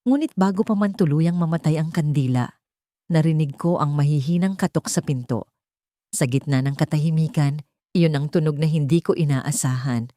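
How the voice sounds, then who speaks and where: A woman narrating a sorrowful first-person drama in a slow, heartfelt way. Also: deep voice, mellow, no echo, studio quality.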